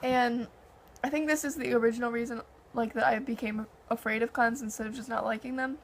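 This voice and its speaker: A woman's voice: a little high, brisk, slight background noise. A young woman in casual chat, telling stories in a conversational way and acting out quoted dialogue. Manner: animated anecdotes with heavy filler "like" and quoted dialogue.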